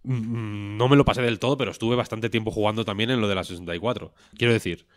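A man's voice: on the low side, steady tone, fast, dry recording, studio quality. A man, co-hosting a podcast in casual chat, rambling and joking with a lot of swearing. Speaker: podcast co-host.

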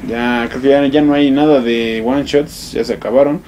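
A young man with a Mexican accent giving excitable, swear-filled let's play commentary, yelping and exclaiming as he plays. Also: mid-range voice, moderate pace, slight background noise. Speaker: gamer.

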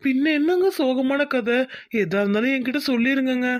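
A voice artist playing a naive, earnest young groom in a cartoon. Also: male voice, extremely high pitch, a little fast, no room sound, studio quality. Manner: earnest and innocent. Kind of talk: Tamil cartoon dubbing.

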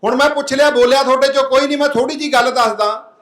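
High-voiced man addressing a crowd. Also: steady tone, quick pace, fairly bright tone, reverberant. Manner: asks the crowd rhetorical questions; earnest, plain-spoken exhorting. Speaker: speaker at a public anti-drug meeting. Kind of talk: public speech with a folk parable.

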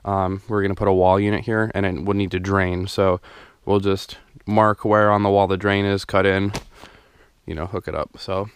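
A young man, a DIY home renovation vlogger, casually narrates a walkthrough of his unfinished basement, rambling with many ums and restarts. His low voice is flat and clean, at a moderate pace, in a dry recording. He films as he walks, using a handheld camera's mic.

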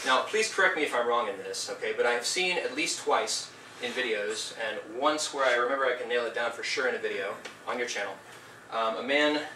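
Earnest preachy guy debating, bright forceful voice, echoey room, mic kinda far off. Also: mid-range voice, a little hiss or hum. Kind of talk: formal debate statement. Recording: echoey room, distant mic, faint ambience.

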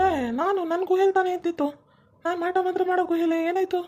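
A woman's voice: very high-pitched, level tone, fast talker, over loud music. A woman playing a bewildered male priest who wakes up dressed as a woman, whining and crying out in a North Karnataka Kannada accent. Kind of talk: comic village skit.

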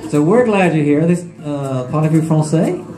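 A man's voice: on the high side, lively intonation, moderate pace, mellow, echoey room, faint music behind, low-quality recording. A middle-aged man co-hosting a business interview, playful and teasing with his guest, using a handheld mic. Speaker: co-host. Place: small studio set with couches.

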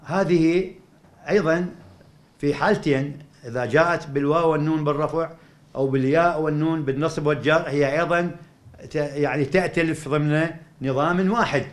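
A man speaking in an Iraqi Arabic accent delivers an academic lecture at a cultural evening. His voice sits a little higher than most men's. He works through his argument aloud, posing questions and then answering them. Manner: explanatory, reasons aloud, asks and answers his own questions; recites Quranic verses slowly. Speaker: university professor lecturing.

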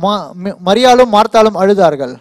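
A man interpreting a sermon live, quickly and fluently rendering each phrase right after the preacher. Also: sits high, lively intonation.

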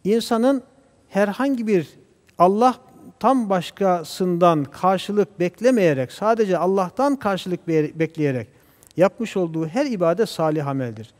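A man speaking as a guest scholar on a religious TV program, talking in a measured, preacher-like way and reciting Arabic verses. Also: high voice, animated, a little mellow, in a large hall. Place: TV studio.

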